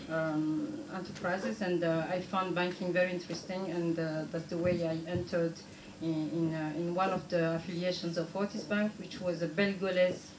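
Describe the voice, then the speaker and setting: Halting Burundian woman in an echoey room. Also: fairly low pitch. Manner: halting, hesitant delivery with frequent pauses. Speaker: guest speaker, banker. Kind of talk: talk show presentation. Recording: echoey room, clear background noise.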